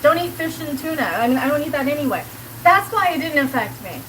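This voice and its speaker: Cooking at home, this chatty Colorado livestreamer in her forties, who has a South Kansas accent, talks fast with big pitch swings in her slightly high voice. She rambles, packs her sentences with "like," and answers chat aloud over background noise and a clearly sizzling pan.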